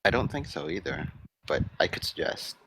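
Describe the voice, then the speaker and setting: A man speaks with a lot of creak and a lively range. He is a tabletop game player offering tentative, casual suggestions. His mic picks up clear noise and clicks. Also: deep voice, normal speed, low-quality recording.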